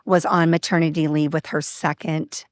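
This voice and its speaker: A woman's voice: low-pitched, normal speed, no echo, studio quality. A woman guest on a podcast telling a personal story in a casual, open way, acting out what people said. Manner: open, animated, acts out quoted dialogue.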